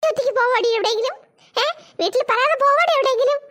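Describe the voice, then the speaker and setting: A woman voicing a furious mother who scolds her daughter and shouts threats in a cartoon. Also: very high-pitched, quick pace. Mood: angry.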